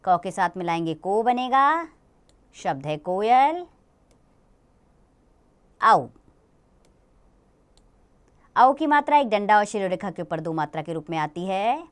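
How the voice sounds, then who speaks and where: Smooth-voiced woman teaching children. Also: medium pitch, big pitch swings. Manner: slow, patient, explaining to children. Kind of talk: children's grammar lesson.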